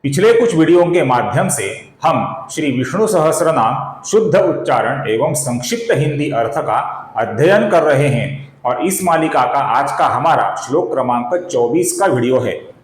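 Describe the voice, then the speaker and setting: Guy teaching chant pronunciation really slow and careful, kinda higher voice, echoey room. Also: expressive. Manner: slow and deliberate, explains pronunciation step by step; chants verses slowly and drawn out. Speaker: Sanskrit recitation teacher. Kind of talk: slow spoken tutorial with chanted verses.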